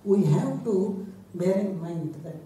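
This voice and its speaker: An older man with a Kannada accent speaks haltingly on a panel into a handheld microphone in an echoey seminar room. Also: high-pitched, animated, mellow, slight background noise. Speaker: scholar on a translation panel. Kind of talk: panel talk. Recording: echoey room, slightly distant pickup.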